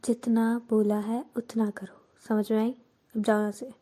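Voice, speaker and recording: A woman voicing a blunt but caring young woman who talks curtly and sometimes in a hush. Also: on the high side, fairly even intonation, natural voice. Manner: curt, brisk, sometimes hushed.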